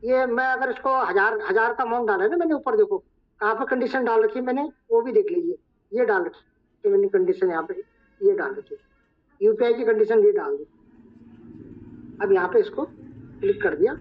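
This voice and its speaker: A hoarse man acting as trainer, talking viewers through a screen-share tutorial step by step. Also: high voice, a little fast, pauses often. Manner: talks viewers through each step, repeating "look". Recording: dull lo-fi recording.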